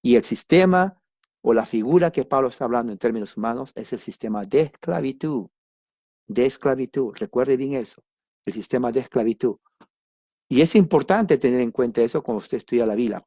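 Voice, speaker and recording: Recorded cleanly in a studio with no echo, a man with a medium-pitched, dark voice teaches an informal Bible study. He addresses listeners directly in a conversational way, breaking into emphatic asides and sudden exclamations.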